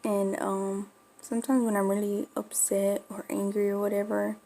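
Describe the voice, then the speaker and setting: A Florida bulldog breeder who grew up speaking Spanish tells a personal story on her vlog, with a slight Mexican Spanish accent. Her medium-pitched, dark-toned voice is flat and moves at normal speed, and she rambles confidingly with lots of fillers.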